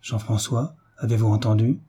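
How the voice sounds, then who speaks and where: A man's voice: on the low side, fairly even intonation, moderate pace, mellow, slightly rough. A man reading the part of a frightened young mother, speaking with anxious urgency.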